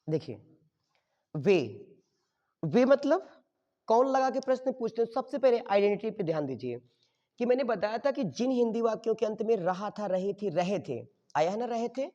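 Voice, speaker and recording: Lively-voiced male teacher, echoing room. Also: high voice, moderate pace. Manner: quizzes the class and answers his own questions; checks in with "okay?" after each step. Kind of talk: grammar lesson. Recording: dull muffled sound with long reverb.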